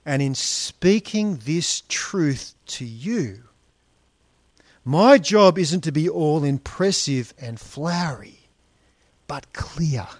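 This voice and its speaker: A man preaching slowly and deliberately, with a fairly high voice and a wry, sarcastic edge. He talks straight to his listeners as friends and guys. The sound is close and dry. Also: a little mellow, dry recording. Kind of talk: expository sermon on a Bible letter.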